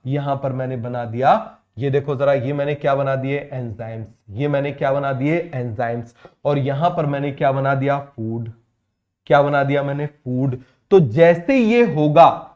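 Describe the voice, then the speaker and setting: Fast quizzing male biology teacher. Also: fairly high pitch, a little mellow, highs cut off. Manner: quizzing, repeats each answer, addresses students as beta. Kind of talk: fast call-and-response lecture to students.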